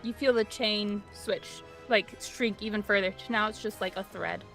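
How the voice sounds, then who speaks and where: A woman running a tabletop game as game master, narrating in a halting, conversational, improvised way. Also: mid-range voice, steady tone, a bit bright. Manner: halting, conversational storytelling with frequent "like". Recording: music playing behind. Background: background music.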